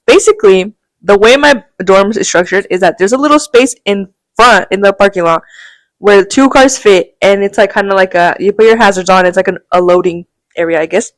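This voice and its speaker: Animated young woman telling a story. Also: mid-range voice, a little fast, no echo. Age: young adult. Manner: animated, rambling, acts out quotes, laughs often. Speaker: podcast co-host. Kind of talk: casual storytelling chat.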